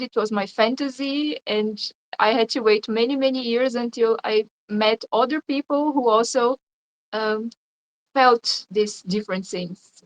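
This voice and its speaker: Brazil-born woman, kinda high voice, guest on a call, thoughtful, lots of ums and likes. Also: poor audio. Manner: reflective, hesitant with many ums and likes. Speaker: shamanic healer guest. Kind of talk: casual interview over a call.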